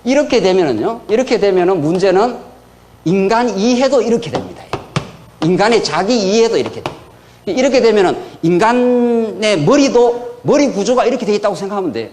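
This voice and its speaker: A middle-aged pastor, preaching in a folksy lecture style. His voice sits fairly high for a man and swings widely in pitch. He keeps asking his listeners rhetorical questions. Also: sing-song, fairly quick, darkish tone, a little hiss or hum. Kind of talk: sermon lecture.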